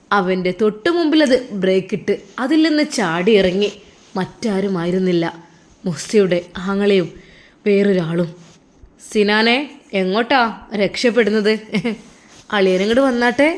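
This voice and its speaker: A woman with a Malappuram Malayalam accent narrating an Islamic family story and voicing all of its characters herself. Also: medium pitch. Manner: voices every character herself, shifting between narration and dialogue.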